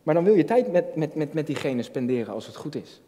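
A man preaching in a big hall with a long, ringing reverb around his voice. His tone is somewhat high for a man but mellow and soft-edged. He talks loosely, restarting phrases, then pushes hard on repeated key words. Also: very animated, brisk. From Netherlands. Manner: conversational preaching, many restarts, building to emphatic peaks. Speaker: youth pastor. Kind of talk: sermon.

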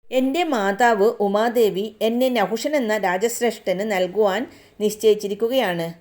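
A woman reading the part of a gentle young divine princess, who speaks in a polite, humble way. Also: mid-range voice, fairly even intonation, a little slow, lightly acted.

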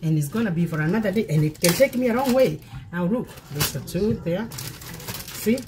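A woman's voice: on the low side, lively intonation, normal speed, low-quality recording. A middle-aged woman, a pastor, talking through a cooking demonstration in her home kitchen, encouraging and often repeating phrases for emphasis. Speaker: pastor hosting a cooking show. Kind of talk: casual cooking demonstration with preaching.

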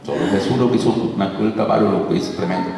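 A man's voice: fairly low pitch, racing, creaky, noisy background. A man preaching on deliverance in a loose, conversational way, repeating himself and often saying "ok". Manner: loose, repetitive, peppered with "ok". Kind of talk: conversational sermon. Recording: echoey hall, distant mic.

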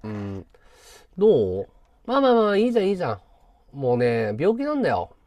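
A man's voice: mid-range voice, huge pitch swings, a little fast, darkish tone. A man in his thirties hosting a livestream, chatting breezily and teasing his callers. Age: 30s. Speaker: livestream host. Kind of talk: casual livestream chat.

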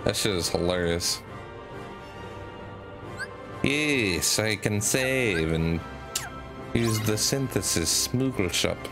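A man streams a game with loose, sweary commentary. His voice is fairly low but lively in pitch, and game music plays clearly behind him. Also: slow, long pauses. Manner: foul-mouthed, slangy. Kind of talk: casual gameplay commentary. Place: indoor room, webcam stream.

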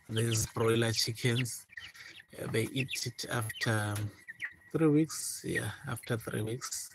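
Man, low gravelly flat voice; soft, hesitant farm walkthrough; noisy phone recording in a chicken house. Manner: soft, hesitant, many fillers and repeated words. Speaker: poultry farmer showing his broiler chickens. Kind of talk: informal farm walkthrough vlog. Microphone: handheld phone, speaker off camera. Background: chickens chirping.

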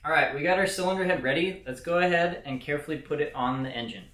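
In his home garage workshop, a mechanic host in his twenties walks viewers through a repair step by step, talking to the camera in a plain, instructive way. His voice is a little high, fast, and a bit bright. The room is echoey.

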